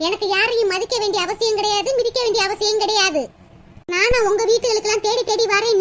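A voice actor playing a proud, wealthy village mother in a cartoon comedy, scolding in a shrill, rapid way. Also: fairly bright tone.

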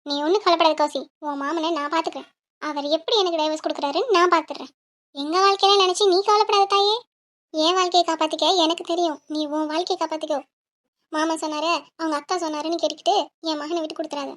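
A woman's voice: very high voice, fairly even intonation, fast, a bit bright. A woman voicing a bold, scheming cartoon mother who scolds and commands, sure of herself and protective of her family. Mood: reassuring. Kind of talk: cartoon voice acting.

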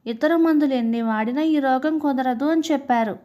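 A woman's voice: high-pitched, normal speed, warm tone, lightly acted. A sulky female crocodile complains plaintively in a slightly raised voice, as a woman narrator voices her. It is a light storybook turn, close to the reader's own tone.

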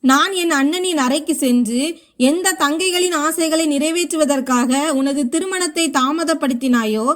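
A woman reading a first-person drama story aloud in steady scripted narration. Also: high-pitched, a little slow.

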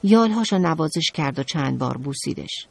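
A woman narrating a children's audiobook in an expressive, dramatic storytelling manner. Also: deep voice, creaky, husky, no room sound.

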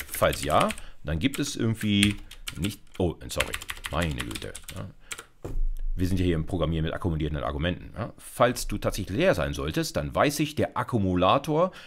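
Recorded indoors as a screencast, this informal programming lecture comes from a middle-aged university lecturer who explains each step and talks straight to his audience conversationally. His low voice has a sing-song quality at a moderate pace, with some background noise.

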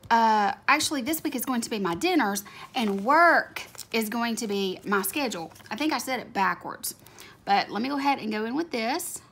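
A planner video creator with a slightly scratchy, somewhat high and a bit bright voice chats casually at her home desk, gushing over cute stickers as she decorates. Her intonation is lively and her pace normal. An overhead camera films her hands, and faint room ambience and a snoring dog sit in the background.

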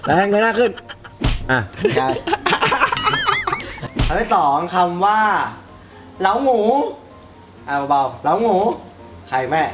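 A man reading out quiz words to friends, teasing and excitable, often laughing. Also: sits high, slow, pauses often, over music. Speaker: game quizmaster. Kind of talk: casual chat.

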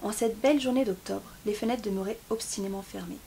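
A woman reading a novel chapter aloud in a steady voice, with small slips and restarts now and then. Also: medium pitch, a little fast, creaky, slight background noise. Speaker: book YouTuber.

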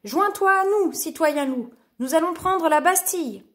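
A woman voicing armed revolutionary peasants in a children's storybook, rousing and loud. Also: extremely high pitch, lively intonation, unhurried, pitched above the performer's own voice.

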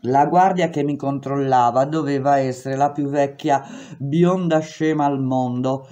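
A woman reading a memoir aloud in steady, measured first-person narration. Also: rumbling low, highs cut off. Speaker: reader.

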